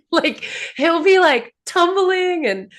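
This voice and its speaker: A woman hosting a casual show recap, talking in an animated, chatty way full of fillers and laughs. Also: very high voice, extremely slow. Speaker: podcast host.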